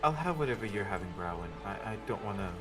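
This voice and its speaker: Animated man playing a tabletop game. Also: fairly low pitch, quick pace. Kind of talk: casual in-game chat. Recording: music playing behind the voice. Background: music.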